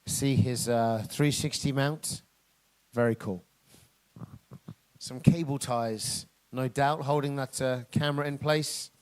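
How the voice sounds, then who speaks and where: A man giving energetic, joking play-by-play commentary at a live drift event. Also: medium pitch, takes it slowly, smooth.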